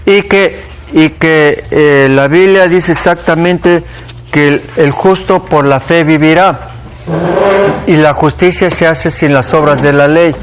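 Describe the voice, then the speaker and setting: A man's voice: on the high side, steady tone, slow pace, a little hiss or hum. A man with a Mexican Spanish accent teaching a church Bible class, conversational, questioning the class and repeating key points.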